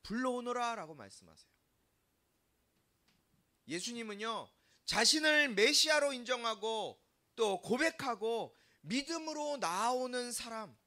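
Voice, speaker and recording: A man's voice: high voice, bright, forceful tone. A male pastor preaching a sermon, telling the story and putting rhetorical questions to the congregation. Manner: dramatizes quoted voices.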